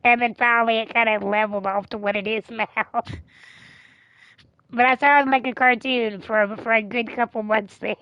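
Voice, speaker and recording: Candid woman streamer, smooth dull-toned voice. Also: on the high side, fairly even intonation, normal speed, no echo. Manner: chatty and candid, swears freely, laughs often. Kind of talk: casual storytelling on a live stream.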